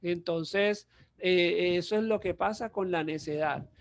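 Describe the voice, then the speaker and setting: Male Bible teacher with a high, gravelly voice who explains verses patiently and repeats his points. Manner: explains slowly, restates verses, lists steps.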